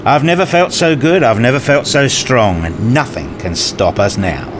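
In a radio play, a man voices a nerdy, self-deprecating father recounting his own story in the first person, using wry, formal phrasing. His medium-pitched voice sounds natural and animated at a normal speed, with some background noise.

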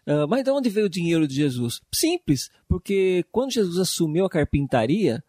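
A Brazilian man with a slightly raised pitch talks through matters of faith in an earnest, reflective way. He draws his words out and leans on fillers. The sound is close and dry. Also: sing-song, normal speed, dark tone, no echo. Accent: Brazilian Portuguese. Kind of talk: casual faith discussion.

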